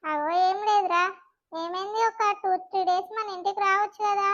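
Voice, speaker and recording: A fretful, fussing village mother with a Telangana accent and a high voice, as a woman acts her out. The sound is a little dull and lo-fi. It suits a cartoon family comedy. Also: steady tone, normal speed, fairly bright tone. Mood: worried. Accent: Telangana Telugu. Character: worried middle-aged village mother.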